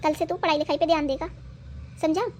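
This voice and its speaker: A woman's voice: high-pitched, fairly even intonation, fast, a little mellow, slight background noise, natural voice. A woman playing a doting old grandmother who fusses and chides. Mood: chiding. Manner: fussing, chiding.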